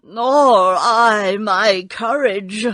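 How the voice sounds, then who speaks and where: A woman's voice: medium pitch, very slow, a bit bright, no echo. A woman voicing a cowardly male lion in a storybook, plaintive, demanding and exclaiming. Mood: demanding, dismayed.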